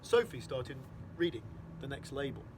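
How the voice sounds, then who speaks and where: A man reading a children's book aloud in an animated way, switching into voices for the characters. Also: medium pitch, normal speed, noisy background. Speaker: storyteller. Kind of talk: storybook read-aloud.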